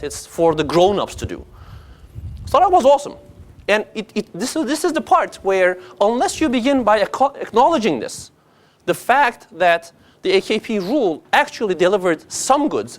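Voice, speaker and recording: A man's voice: sits high, very animated, moderate pace. A man giving a conversational academic lecture as an economics professor, posing rhetorical questions and checking in often.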